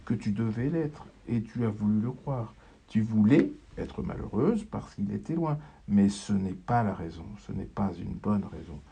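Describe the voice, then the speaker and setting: A blunt, irritated older brother, read by a man. The voice is husky and gravelly. The recording sounds dull and lo-fi. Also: mid-range voice, warm tone.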